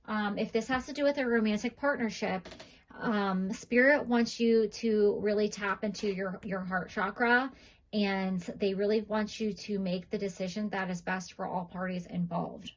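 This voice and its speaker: A woman giving a tarot reading in a gentle, reassuring way, pausing now and then with fillers. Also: mid-range voice, steady tone, low-quality recording. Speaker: tarot reader.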